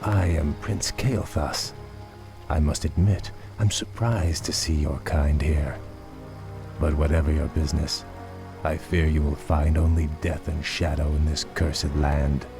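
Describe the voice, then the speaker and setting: An actor playing a courteous, weary young elven prince in a fantasy video game, speaking in a formal, measured way. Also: male voice, very deep voice, fairly even intonation, gravelly, music in the background, exaggerated voice. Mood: wary, courteous. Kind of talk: dramatic video game cutscene acting.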